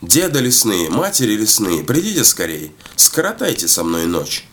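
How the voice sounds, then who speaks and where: A man's voice: deep voice, sing-song, normal speed, fairly bright tone, slight background noise. A man voicing a greedy, spoiled young peasant girl in a folk tale, whiny and calling out.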